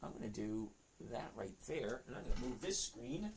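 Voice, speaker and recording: A man's voice: medium pitch, big pitch swings, normal speed, gravelly, a little mellow, a little hiss or hum. A man, hosting a trading livestream in casual chat, joking and talking to viewers by name. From Boston area. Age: 60s. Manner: chatty, jokey, talks straight to viewers by name.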